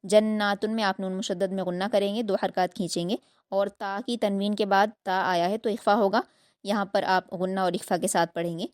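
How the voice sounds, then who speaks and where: A woman teaching tajweed, switching between slow, drawn-out chanted recitation and brisk, rapid explanations. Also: mid-range voice, fairly even intonation, smooth, no room sound, studio quality.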